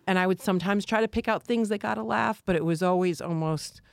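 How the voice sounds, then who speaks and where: A woman comedian being interviewed, talking in a halting, self-deprecating way with frequent restarts. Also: medium pitch, gravelly, no echo. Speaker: guest comedian. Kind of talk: casual interview chat.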